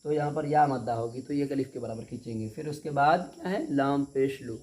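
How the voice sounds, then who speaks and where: Step by step, a man leads a Quran reading lesson in a medium-pitched, darkish voice, with a little hiss or hum on the audio. He repeats every point patiently, frequently checks that students have understood, and draws syllables out slowly in his demonstrations.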